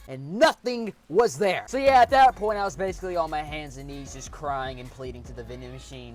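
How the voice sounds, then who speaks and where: A young man vlogging, telling a casual story with animated exaggeration and swearing. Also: high-pitched. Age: young adult.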